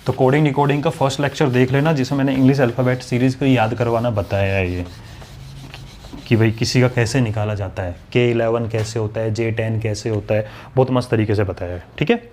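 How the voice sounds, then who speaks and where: A man's voice: medium pitch, steady tone, brisk, darkish tone, slight background noise. A man teaching an online exam-prep lesson, explaining step by step and often checking whether students follow. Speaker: maths and reasoning teacher.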